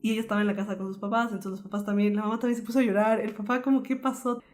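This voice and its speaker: A young woman from Colombia earnestly telling a painful personal story as a podcast co-host, in a lively, flowing way. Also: mid-range voice, very fast.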